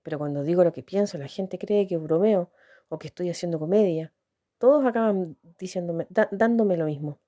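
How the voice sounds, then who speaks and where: Female reader doing a blunt lonely young woman, low mellow voice, candid and halting, storybook reading. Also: no room sound, dull audio, lightly acted. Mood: wistful. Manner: candid, musing, hesitant restarts.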